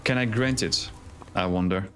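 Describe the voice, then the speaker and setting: A man on a gaming livestream, chatting casually and playfully and reading the game's dialogue aloud, with sudden excited jumps. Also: sits low, moderate pace, faint music behind. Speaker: streamer.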